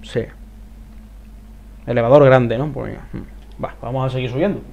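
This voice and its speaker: Swearing excitable gamer man. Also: mid-range voice, normal speed, gravelly. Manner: swears a lot and talks to himself, excitable outbursts. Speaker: gameplay commentator. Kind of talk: casual let's play commentary.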